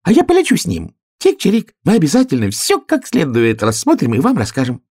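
A man voicing an eager little boy sparrow with shrill chirping cries. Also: huge pitch swings, a little fast, darkish tone, breathy edge, no echo, clean studio sound, full character voice. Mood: excited.

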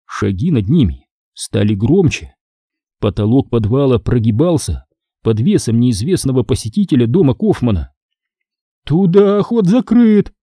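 A man reads a horror story with suspense, slowing down at the tense moments. His voice is very dark and husky, and his pitch moves a lot. The recording is close and dry. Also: big pitch swings, dry recording. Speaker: audiobook narrator. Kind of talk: scripted horror narration.

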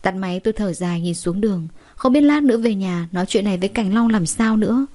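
A young woman tells a first-person story in a steady, dramatic way. Her voice has a mellow, dark tone at a middle pitch. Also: fast.

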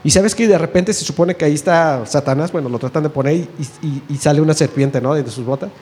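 A man giving an informal sermon, chatting with the audience, asking questions and answering them himself, and reading scripture slowly and emphatically. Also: on the high side, darkish tone. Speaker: lay preacher. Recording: faint noise, long reverb in a hall.

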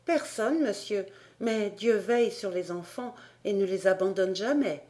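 A woman voicing a soft, devout young boy. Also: medium pitch, measured pace, lightly acted. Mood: gentle. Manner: soft, gentle.

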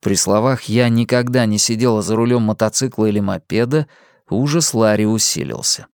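Measured male audiobook narrator. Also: fairly low pitch, smooth, no room sound, studio quality. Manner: measured, even storytelling with varied intonation. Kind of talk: scripted narration.

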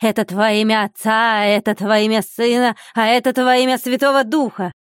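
Woman voicing a furious fanatical monk, shouting curses, loud and high, dry close sound. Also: little pitch movement, fairly quick, smooth, no echo, natural voice. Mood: raging, accusing.

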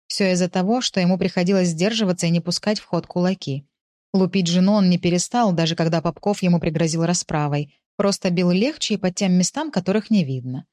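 A woman reading an audiobook chapter in a slow, measured narration. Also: fairly low pitch, darkish tone, dry recording, clean studio sound. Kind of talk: scripted narration.

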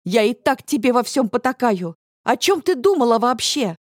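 Audiobook: female reader as angry middle-aged mother, harsh, shouting, loud and dry. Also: fairly high pitch, very animated, moderate pace, no room sound. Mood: furious.

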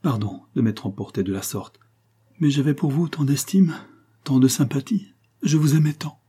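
A tearful, pleading widow, tender and bitter by turns, as a male narrator puts her on. The voice stays dark and husky, with a soft breathiness. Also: mid-range voice, normal speed, natural voice. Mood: anguished. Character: emotional middle-aged widow, tender then bitter.

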